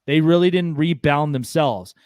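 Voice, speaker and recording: A man's voice: fairly high pitch, normal speed, a little mellow, clean tone, dry recording, studio quality. A man co-hosting a baseball podcast, chatting casually and rambling with lots of restarts. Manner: rambling, many restarts and fillers, enthusiastic. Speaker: podcast co-host. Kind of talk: casual sports chat.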